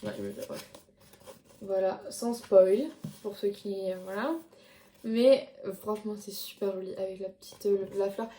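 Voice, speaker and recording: A woman's voice: medium pitch, fairly even intonation, moderate pace, dark tone. Chatty young woman in echoey room. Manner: chatty, many fillers and restarts, showing books to camera. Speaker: book vlogger. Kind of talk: casual chat.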